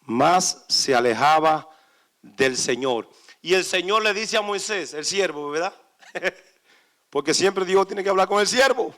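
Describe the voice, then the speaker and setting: Predicador dominicano de voz aguda y brillante. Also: male voice, high-pitched, lively intonation, a little slow, fairly bright tone. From Dominican Republic. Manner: emphatic, repetitive preaching cadence. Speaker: preacher. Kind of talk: sermon.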